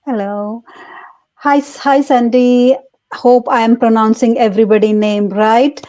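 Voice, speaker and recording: Guest from India: woman, higher voice, dry and a bit dull, polite and unhurried. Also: steady tone, no room sound. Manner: polite, unhurried, warm greetings. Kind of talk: interview answers.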